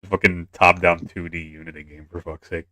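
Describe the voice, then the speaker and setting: A man's voice: low voice, level tone, moderate pace, bright, forceful tone, slight background noise. A man streaming a game, laid-back and muttering to himself as he sets things up. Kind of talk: casual gaming stream chat.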